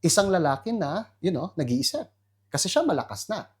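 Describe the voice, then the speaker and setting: A male pastor with a Filipino accent preaching. He talks in an animated way, with sudden high, emphatic jumps and quiet asides, and mixes English phrases into his talk. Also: a little fast. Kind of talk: preaching to an online audience.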